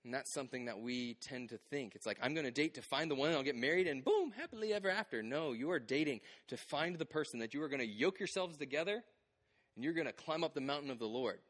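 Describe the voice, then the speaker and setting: A man in his thirties preaching a sermon, telling stories with animated delivery and acting out bits of dialogue. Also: mid-range voice, fast talker. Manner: animated storytelling, acts out quoted dialogue. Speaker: pastor. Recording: long hall reverb.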